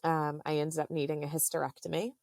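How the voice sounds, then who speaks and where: A woman in her thirties, a podcast guest, telling a personal story in a halting, earnest way with many fillers. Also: low-pitched, little pitch movement, vocal fry, darkish tone, no echo.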